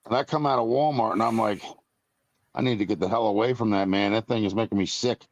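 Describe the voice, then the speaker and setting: A man's voice: lowish voice, fast, no room sound. A man in his fifties chatting casually on a live stream, talking in a rambling, blunt way with some mild cursing. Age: 50s.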